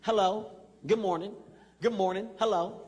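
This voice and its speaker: A woman's voice: mid-range voice, steady tone, moderate pace, darkish tone, long reverb tail, lightly acted. A male comedian voicing a prim schoolteacher who greets her class in a sing-song way.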